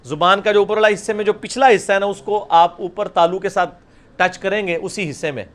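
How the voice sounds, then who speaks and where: A man's voice: sits high, steady tone. A man teaching Quranic pronunciation, drilling letters aloud in a live class. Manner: drills letters by repeating them loudly, mixing Punjabi into Urdu. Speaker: religious teacher.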